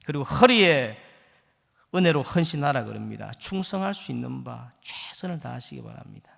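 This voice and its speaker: A man's voice: medium pitch, big pitch swings, normal speed, vocal fry, fairly bright tone. A man in his fifties, a guest pastor preaching a sermon with impassioned, rising exhortation in a church sanctuary. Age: 50s. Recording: long church hall reverb.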